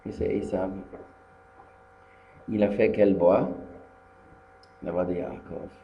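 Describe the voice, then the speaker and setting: A rabbi from Tunisia gives a Torah lesson, telling the story in a lively way, acting out the dialogue and repeating the key phrases. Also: male voice, deep voice, takes it slowly, roomy sound. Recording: dull lo-fi archive recording with faint hum.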